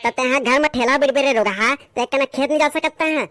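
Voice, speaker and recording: A nagging, sharp-tongued village mother from a comic skit, played by a woman, speaking in a Chhattisgarhi accent. Her voice is high and carries with a steady needling edge. She scolds and taunts without letting up. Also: fairly quick. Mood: taunting.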